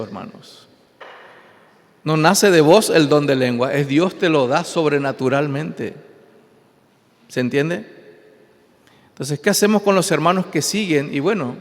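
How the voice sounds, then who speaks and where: A pastor preaching an emphatic sermon, his voice rising and falling. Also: a little high. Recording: long hall reverb.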